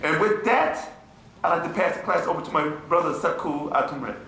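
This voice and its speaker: A fairly high-voiced man gives an informal lecture to a small group. He is animated and mocking and keeps checking in with his listeners. The echoey room has a faint hum of ambient noise behind him. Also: brisk, vocal fry. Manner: animated, mocking, keeps asking "you feel me?". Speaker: class teacher.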